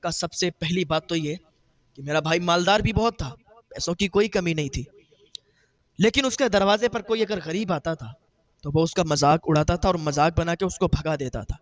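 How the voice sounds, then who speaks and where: Male preacher, fairly high voice, sermon storytelling, repeats phrases, quotes dialogue. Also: no echo. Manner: retells a moral tale with quoted dialogue, repetitive phrasing.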